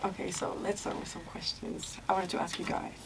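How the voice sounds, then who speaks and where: Recorded on a distant mic against a noisy background in a school room, a young woman from Italy chats casually as host of a student podcast. She sounds relaxed, asks questions and laughs a lot, her voice on the low side and fairly quick.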